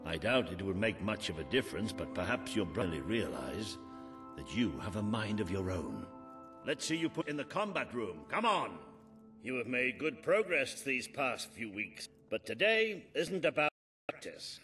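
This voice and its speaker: An older man with a British accent playing a gruff, hearty old soldier and mentor in a video game, with a husky voice. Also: on the low side, big pitch swings, unhurried, fairly bright tone, faint music behind. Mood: challenging. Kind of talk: video game character acting.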